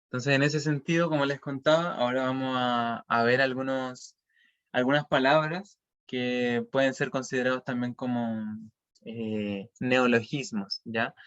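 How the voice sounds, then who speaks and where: A man's voice: mid-range voice, fairly even intonation, a little slow, a bit bright, clear, resonant tone, dull audio. A man teaching an online language class, explaining patiently and checking often that students follow.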